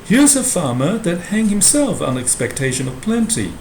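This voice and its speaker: A man's voice: sits high, very animated, normal speed, darkish tone, voice pushed up. A man reading aloud the part of a grumbling castle porter in a stage play, declaiming and calling out to imagined visitors. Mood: mocking, calling out. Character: grumbling castle porter playing gatekeeper of hell. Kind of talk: dramatic read-aloud of a Shakespeare play. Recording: roomy echo with clear background noise.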